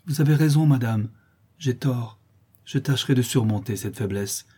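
A man reading an audiobook voices a gentle, tearful young woman, soft and apologetic in her plaintive lines, with a warm, husky voice. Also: mid-range voice, normal speed, natural voice.

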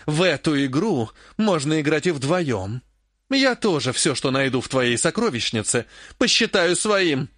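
A man reading an audiobook, voicing a furious, grasping old woman mage in a raised, shrill, scolding voice. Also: big pitch swings, unhurried, dry recording, studio quality, heavily acted. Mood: grumbling menace. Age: older.

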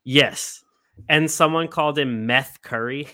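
A man's voice: on the high side, a little slow, pushed and bright. A man hosting a casual basketball podcast, laughing often and using lots of fillers. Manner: laughs a lot, many fillers. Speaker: podcast host. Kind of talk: casual chat.

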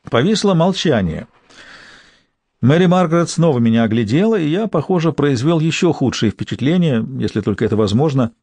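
A man narrating a literary audiobook in a measured storytelling manner. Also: fairly high pitch, expressive, a little mellow, dry recording.

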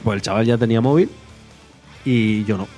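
Man telling a story, animated. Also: moderate pace. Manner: animated, laughing, shrill acted quotes. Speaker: podcast co-host. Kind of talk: casual storytelling chat. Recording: faint guitar music behind.

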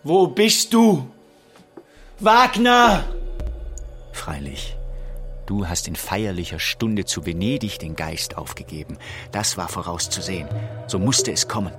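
A man's voice: low-pitched, big pitch swings, slow, pauses often, over music, exaggerated voice. An actor playing a proud, tormented, deranged king in a theatrical, declamatory radio play monologue. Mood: grandiose, frantic outburst. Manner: theatrical, declamatory, swinging from whispers to outcries.

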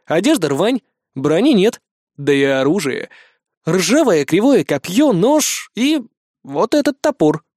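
A man voicing a calm, firm young male warrior hero, speaking close to his own voice. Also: high-pitched, measured pace, no echo, full character voice. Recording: dry close studio audio.

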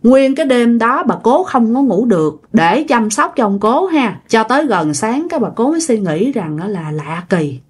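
A woman's voice: a little high, big pitch swings, moderate pace, few pauses, breathy edge. A woman telling a ghost story in a chatty, folksy way, speaking to the listener.

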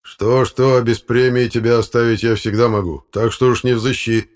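A man's voice: medium pitch, level tone, moderate pace, voice pushed up, close to an everyday voice. A man voicing an irate, indignant village council chairman who makes threats. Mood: threatening.

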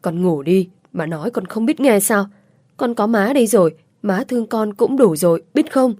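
Brief: woman reading a heartbroken mother in an audiobook, soft and soothing. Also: lowish voice, moderate pace, no room sound, clean studio sound, close to an everyday voice. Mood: sharp. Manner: soothing, sometimes sharp. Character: heartbroken young mother, tender but strained.

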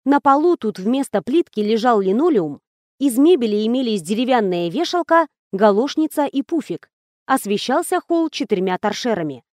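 Woman, audiobook narrator, lively ironic first-person reading, fairly high voice, dry close mic. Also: moderate pace, dry recording. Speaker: audiobook reader. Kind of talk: scripted narration.

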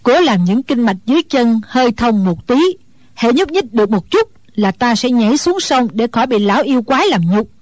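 A woman's voice: on the high side, expressive, a little fast, darkish tone, no room sound, natural voice. A woman voicing a stern, impatient old woman in an audiobook. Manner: curt, impatient. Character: stern, irritable old woman, injured fighter.

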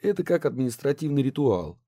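A man narrates an audiobook with expressive storytelling. His pitch moves a lot and his tone is warm. The recording is dry and close. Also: fairly quick, no room sound.

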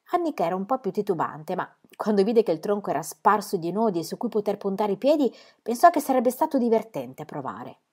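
A woman reading a children's story aloud in an expressive, lively way. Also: medium pitch. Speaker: reader.

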